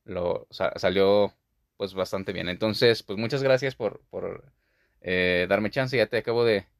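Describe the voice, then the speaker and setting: A man's voice: lowish voice, measured pace, vocal fry, no room sound, studio quality. A young man hosting a podcast, talking through a childhood memory in a rambling, casual way with many fillers. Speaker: podcast host.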